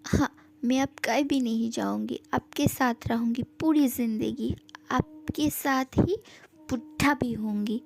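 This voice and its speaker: A woman's voice: a little high, measured pace, vocal fry. A woman playing a playful, teasing young wife in a fan audio drama, who taunts and sweetly coaxes. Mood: sweet promises.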